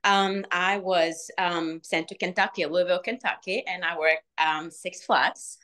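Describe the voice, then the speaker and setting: Bulgarian woman in her 40s, lowish voice, lots of um's, earnest interview talk. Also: steady tone, a bit bright. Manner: earnest, many "um" pauses. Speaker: alumna guest, restaurant manager. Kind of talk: interview answers.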